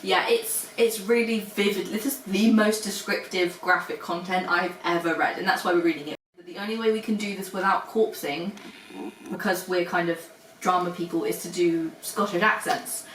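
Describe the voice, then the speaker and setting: A woman's voice: fairly low pitch, fairly even intonation, normal speed, fairly bright tone, echoey room, distant mic, a little hiss or hum, poor audio. A young woman chatting and reading fan fiction aloud on a casual livestream, dramatic and apologetic. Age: young adult.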